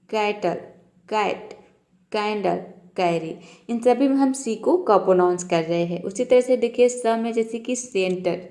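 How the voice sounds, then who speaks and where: A woman's voice: medium pitch, a little mellow. A woman teaching English pronunciation in a classroom-style lesson, patiently repeating points and drawing out example words one by one. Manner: slow, drawn-out word-by-word pronunciation drills.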